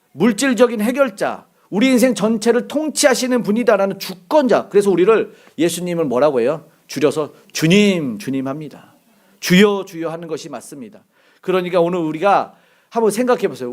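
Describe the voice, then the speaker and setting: Middle-aged guy preaching, pretty high voice that swings all over. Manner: lively preaching, acts out quoted voices. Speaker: pastor. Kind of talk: sermon.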